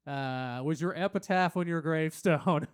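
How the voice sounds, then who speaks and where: This stand-up comedian's voice sits on the high side, clean and a little slow. Performing on a small stage, he rambles crudely, engages the audience and uses loud, goofy voices when quoting people.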